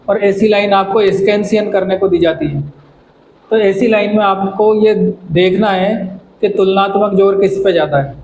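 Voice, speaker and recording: Guy teaching poetry scansion, high voice, goes over words one at a time, kinda echoey. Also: a little mellow. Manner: patient, repetitive, breaks poetry lines word by word. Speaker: English literature teacher. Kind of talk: explanatory lesson in Hindi mixed with English. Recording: echoey room with faint background noise.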